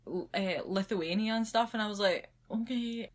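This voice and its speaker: A woman's voice: mid-range voice, normal speed. A young woman with a broad Glaswegian Scottish accent, chatting casually as an interview guest and acting out bits of dialogue as she talks. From Glasgow, Scotland. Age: young adult.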